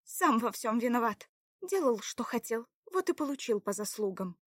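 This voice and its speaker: A woman voicing a proud, scornful young captive woman, sharp and higher than her narration. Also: very animated, moderate pace, no echo.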